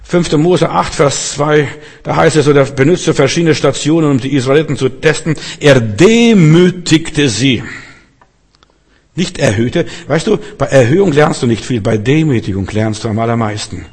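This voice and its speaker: A man's voice: medium pitch, fairly quick, darkish tone, slightly rough, big-room sound. A man preaching a sermon to his congregation, emphatic and fond of rhetorical questions, acting out quoted voices.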